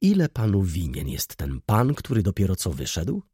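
A man's voice: deep voice, wildly swooping pitch, moderate pace, dark tone, breathy edge, dry recording, clean studio sound, full character voice. A man voicing an agitated, proud noblewoman who speaks in an indignant, trembling tone.

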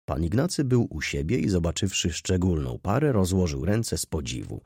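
Deep, husky male audiobook narrator. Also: big pitch swings, dark tone, no room sound, studio quality. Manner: measured, literary reading. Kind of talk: audiobook narration of a classic novel.

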